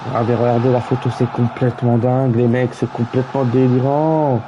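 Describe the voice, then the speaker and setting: A man's voice: mid-range voice, level tone, fairly quick, lo-fi sound, background noise. A man streaming a football video game, chatting with friends in slangy, teasing, mock-outraged asides and calling the match like a mock commentator.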